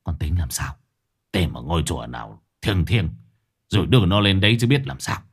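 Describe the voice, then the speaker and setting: A man playing a stern, gruff middle-aged father. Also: sits low, animated, a little fast, pitched below the performer's own voice, heavily acted. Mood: weary. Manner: gruff, scolding.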